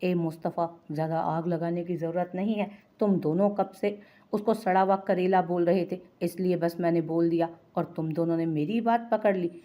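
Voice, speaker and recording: Female narrator as a soft-spoken, loving mother with a lower tone. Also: steady tone, normal speed, natural voice. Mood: scolding. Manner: gentle, soothing. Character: older mother, affectionate and soothing.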